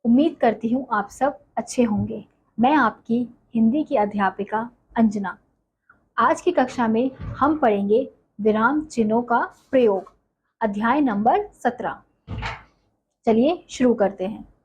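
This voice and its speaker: A woman teaching a Hindi grammar class, explaining slowly, repeating points and asking the pupils questions that she then answers herself. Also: fairly high pitch, lo-fi sound, slight background noise. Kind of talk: online class lesson.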